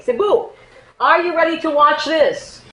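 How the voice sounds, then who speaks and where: A woman with a Filipino accent hosting a TV talk show, lively and slipping into Tagalog. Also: high voice, measured pace, noisy background. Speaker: TV host.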